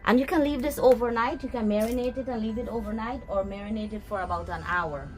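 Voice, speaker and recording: Speaking quickly in a fairly high voice over soft background music, a woman from Guyana shares a cooking recipe outdoors in her backyard. The cooking vlogger has a Guyanese accent and keeps things casual, chatting away with her viewers and her pets.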